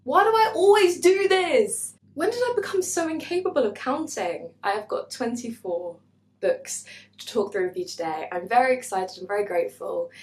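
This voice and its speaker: A woman, chatting bubbly and self-mocking through a book haul vlog. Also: a little high. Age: 20s. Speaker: booktuber. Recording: echoey room.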